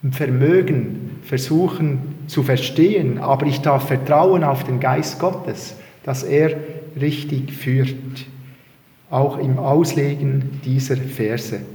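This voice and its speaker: Slow, earnest preacher in a hall. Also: male voice, medium pitch, a little mellow. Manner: earnest, measured, reverent, with pauses and restarts. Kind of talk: prayer and Bible sermon. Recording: roomy hall reverb.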